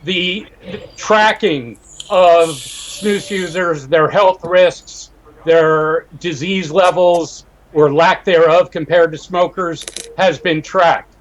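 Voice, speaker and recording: A man's voice: fairly high pitch, slow, low-quality recording. A man co-hosting a casual online panel, explaining at length with a few restarts, on a home computer mic over a video call. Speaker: podcast co-host.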